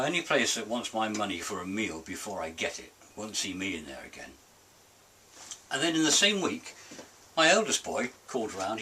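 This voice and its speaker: A man's voice: on the low side, bright, forceful tone. An older British man delivering a comic grumbling monologue in an indignant, curmudgeonly grumpy-old-man manner, emphatic, with a slight hiss on his S sounds. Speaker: host of a comic rant series. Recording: distant mic with faint hiss.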